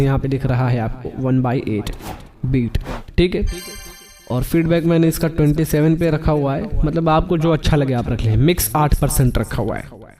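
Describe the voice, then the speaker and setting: A man walks through an audio app's settings one step at a time, explaining each control plainly. He keeps checking in with the listener as he goes. His voice is mellow and warm, recorded on a phone mic. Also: on the high side. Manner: explanatory, repeats "theek hai" to check in. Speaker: audio tutorial host. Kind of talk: step-by-step software tutorial. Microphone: phone microphone.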